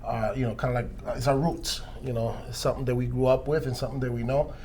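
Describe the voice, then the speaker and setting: A man's voice: mid-range voice, fairly even intonation, fast talker, a little mellow, a little hiss or hum. A man in his forties from Costa Rica, a DJ being interviewed, talking casually with many restarts and fillers.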